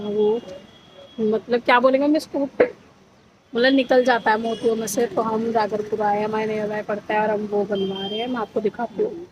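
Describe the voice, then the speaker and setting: There is noise in the background as a young woman with a sore throat chats casually to her vlog audience. Her voice is mid-range, and in this family vlog she shows things to the camera one by one.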